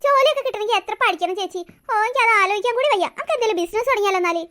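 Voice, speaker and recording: A cheeky young schoolgirl in a cartoon chatters flippantly, as a voice actor plays her. Her voice is very high and quick. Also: pushed and bright. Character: cheeky young schoolgirl who dreams of shortcuts.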